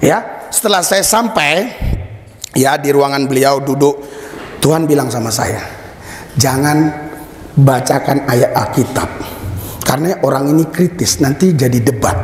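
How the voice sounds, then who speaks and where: A man preaching a sermon as a pastor, telling a story with acted-out dialogue and bursts of shouted praise. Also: mid-range voice, a little slow, pauses often, slight background noise. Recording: echoey hall with long reverb.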